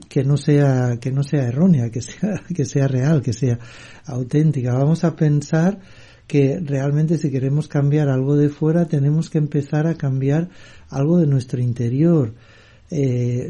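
Calm, very dark-voiced meditation teacher. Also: male voice, mid-range voice, dull audio. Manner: calm, measured, thoughtful delivery. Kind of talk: reflective spiritual talk.

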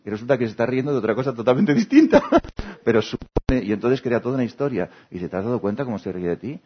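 A man's voice: mid-range voice, racing, highs cut off, slight background noise. A man from gives a reflective spiritual talk to an audience, chuckling often and checking in with "¿no?" and "¿eh?". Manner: acts out imagined dialogues. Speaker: spiritual speaker.

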